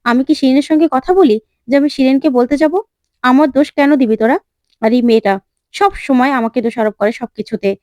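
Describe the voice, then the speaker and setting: A woman's voice: high-pitched, a little fast, a little mellow, no echo, close to an everyday voice. Woman reading as a resentful mother-in-law. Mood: defensive. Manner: indignant, denying blame. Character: defensive, resentful middle-aged mother-in-law.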